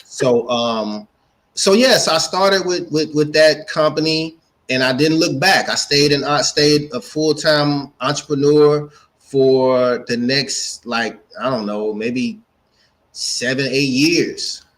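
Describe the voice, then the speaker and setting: Speaking slowly in a fairly bright voice on the high side, a man of forty-nine from Gary, Indiana, shares his story casually as an interview guest. He has an American accent, works as an entrepreneur and speaker, and leans on repeated phrases for emphasis.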